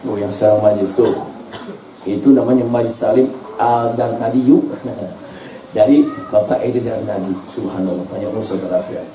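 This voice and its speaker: A man's voice: lowish voice, moderate pace. A male preacher tells stories in his sermon and acts out the dialogue. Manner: lively storyteller who acts out dialogue. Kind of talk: sermon storytelling. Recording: roomy hall, distant mic, faint noise.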